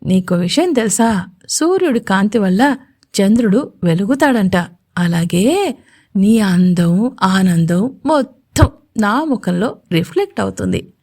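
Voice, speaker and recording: A woman's voice: medium pitch, very animated, a little slow, darkish tone. A woman voicing a young male CEO in a romantic audio story, playful and teasing in manner. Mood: tender.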